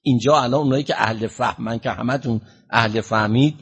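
A man preaching a sermon in a husky voice at a middle pitch. He tells the story slowly and with emphasis, and his voice climbs when he puts questions to the listeners. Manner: questions the listeners directly and demands answers; slow, emphatic retelling with rising pitch and loudness.

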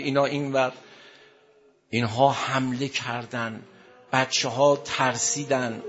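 A man delivering a mourning sermon, a preacher recounting a tragic story with impassioned, tearful emotion. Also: medium pitch. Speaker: religious preacher reciting a lament. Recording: dull lo-fi recording.

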